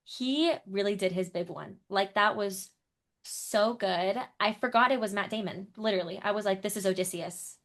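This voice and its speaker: A woman's voice: medium pitch, normal speed. Chatty young woman podcast co-host. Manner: animated, rambling, laughs often. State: recovering from illness. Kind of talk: casual chat.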